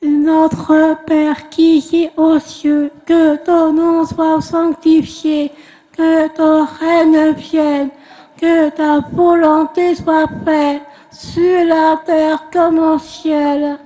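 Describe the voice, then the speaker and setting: A woman singing a liturgical prayer slowly in a sustained chant. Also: sits high, level tone, warm tone, faint music behind. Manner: slow, sustained chant on a narrow melody.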